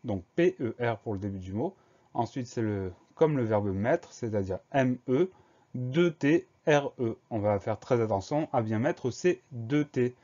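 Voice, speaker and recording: A man's voice: mid-range voice, animated, a little slow, warm tone, lo-fi sound. Methodical man spelling out words. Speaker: teacher. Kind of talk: spelling dictation lesson.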